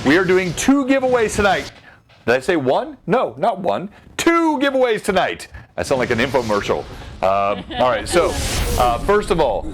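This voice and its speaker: A man running a tabletop game stream, chatting upbeat to viewers between scenes and giving shout-outs. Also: mid-range voice, a little hiss or hum. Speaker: game master and stream host. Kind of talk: live stream host chatter.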